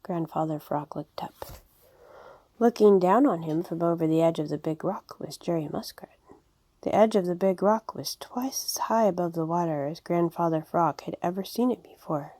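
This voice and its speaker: A woman reading a children's storybook aloud in a gentle, expressive way. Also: lowish voice, normal speed, no room sound. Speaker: audiobook reader.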